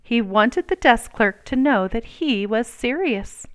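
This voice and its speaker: A woman with a slightly high voice reads a children's storybook aloud, expressive and deliberate in her storytelling.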